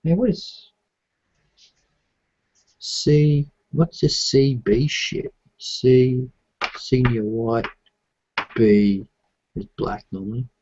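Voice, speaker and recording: A man's voice: medium pitch, very slow, pauses often, warm tone. A man chatting casually and slangily about his hobby, with some swearing, on a group call. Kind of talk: casual hobby chat while building models. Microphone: online group call microphone. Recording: dull, lo-fi call audio.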